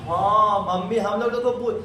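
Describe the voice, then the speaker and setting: This English lesson comes from a man whose voice sits high, pushed and bright, with a steady tone and an unhurried pace. He has a Bihari Hindi accent and quizzes the class with repeated questions. The distant mic catches echo and slight background noise from across the room.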